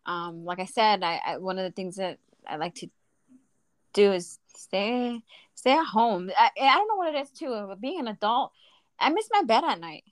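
A woman's voice: mid-range voice, expressive, moderate pace, no echo. A woman in her thirties co-hosting a podcast, chatting animatedly and slipping Spanish phrases into her talk. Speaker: podcast co-host. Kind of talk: casual chat.

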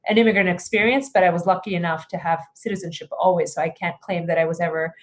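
A woman's voice: lowish voice, steady tone, fast talker. A woman who grew up in Greece, answering interview questions earnestly as a congressional candidate, with many fillers and restarts.

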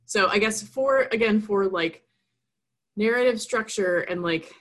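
A woman co-hosting a podcast, talking in an animated way with swearing and emphatic repeats. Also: medium pitch, measured pace. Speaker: podcast co-host. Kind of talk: casual chat.

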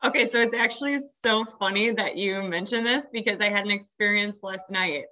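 A woman's voice: mid-range voice, fairly quick, pushed and bright, lo-fi sound. A woman speaking as a podcast guest in casual, informal chat, often saying "like". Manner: informal, peppered with "like".

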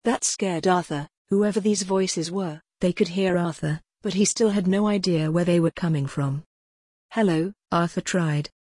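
A woman narrating a children's storybook in a steady, even reading voice, giving the characters quiet voices. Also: on the low side, normal speed, few pauses, husky, no echo. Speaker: audiobook narrator.

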